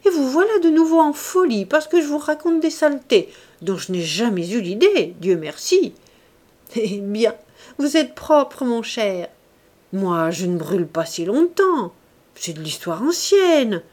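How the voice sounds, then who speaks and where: A woman's voice: high-pitched, expressive, normal speed, a little mellow, pitched above the performer's own voice. A woman reading an audiobook, voicing a proud young society woman who mocks and teases her suitor. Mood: mocking. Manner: teasing, scornful.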